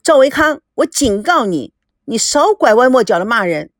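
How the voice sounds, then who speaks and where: A woman voicing a proud, quick-tempered young woman who scolds in a shrill, angry voice in a storybook reading. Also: sing-song, no room sound, studio quality. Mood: furious.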